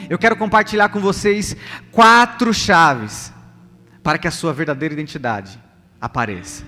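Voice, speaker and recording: A male pastor with a Brazilian accent preaches live to a congregation in a large church hall, emphatic and repetitive, putting rhetorical questions to his listeners. His voice sits high with a sharp tone, and long hall reverb and music run underneath.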